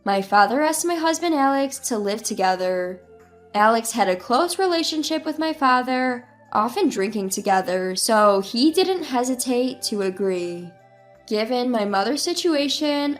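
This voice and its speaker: A woman in her twenties reads a scripted first-person story in a measured, even delivery. Her voice sits fairly high. Soft music runs quietly beneath her. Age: 20s. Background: faint music.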